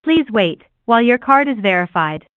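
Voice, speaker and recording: A woman's voice: a little high, no echo. Tinny automated phone-menu woman. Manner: even, measured prompt delivery. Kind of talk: recorded phone menu prompts. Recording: tinny dry phone line.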